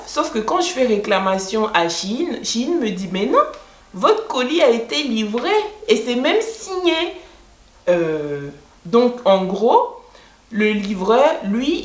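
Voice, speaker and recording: A woman vlogger telling a storytime in casual chat, animated and indignant, with many fillers. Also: medium pitch. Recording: echoey room.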